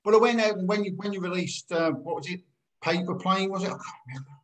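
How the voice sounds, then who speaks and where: A man hosts the interview and asks questions in a loose, easygoing way. His voice is high for a man. He often pokes fun at himself as he goes. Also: fast, rough recording. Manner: loose, self-deprecating questioner. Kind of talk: casual interview.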